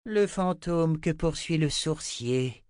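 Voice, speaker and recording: A man's voice: mid-range voice, a little slow, a little mellow, dry recording, studio quality, voice pushed up, close to an everyday voice. A man voicing a scornful, defiant female seer with a ghostly grace in an audiobook. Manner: cold, defiant.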